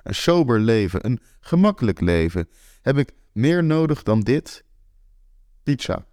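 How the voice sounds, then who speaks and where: A man's voice: medium pitch, very animated, a little slow, a little mellow, dry recording, studio quality. Wry young man reading a story. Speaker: narrator.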